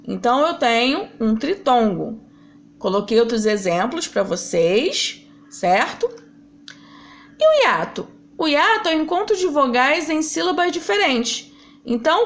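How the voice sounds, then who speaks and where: A woman's voice: high-pitched, gravelly. A woman teacher giving a recorded grammar lesson to schoolchildren, patiently explaining step by step and asking rhetorical questions.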